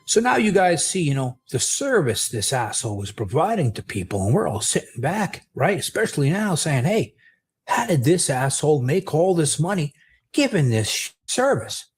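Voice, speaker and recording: A man hosting a live stream, telling the story with animated, profane commentary. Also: fairly high pitch, moderate pace, slight background noise. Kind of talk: commentary on a played clip.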